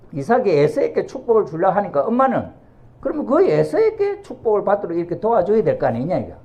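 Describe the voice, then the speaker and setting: A man preaching by retelling a bible story in an animated way, acting out its characters as he goes. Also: on the high side, muffled recording.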